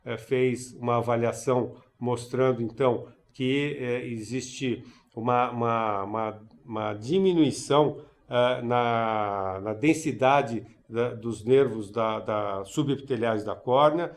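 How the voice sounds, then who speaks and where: A man giving a recorded conference lecture on eye care, halting, with many fillers and restarts. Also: medium pitch. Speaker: ophthalmology lecturer.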